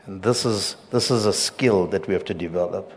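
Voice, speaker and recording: A middle-aged man preaching a sermon as pastor, with emphatic loud peaks and hushed drops. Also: low-pitched, moderate pace, a little hiss or hum. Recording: long reverb of a large hall.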